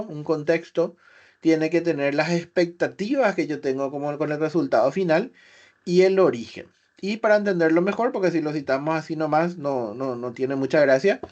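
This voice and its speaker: A man presenting a webinar, explaining software step by step with rhetorical questions and filler sounds. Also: on the high side. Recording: slightly dull webinar audio.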